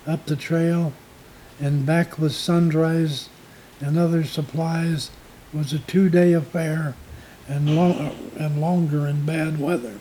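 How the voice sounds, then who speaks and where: A man narrating local history as a scripted story in a measured, storytelling way. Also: fairly high pitch, dark tone, slight background noise, poor audio.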